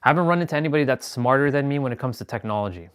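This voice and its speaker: A man's voice: mid-range voice, animated, very fast, clear, resonant tone. A man hosting a live stream, talking in a rambling, self-assured spiritual monologue and restarting sentences as he goes.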